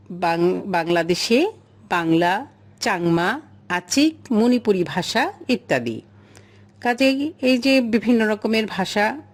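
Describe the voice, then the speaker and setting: A woman teacher, giving a lesson to a class and asking questions she then answers herself. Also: fairly high pitch. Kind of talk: classroom lesson explaining a chart.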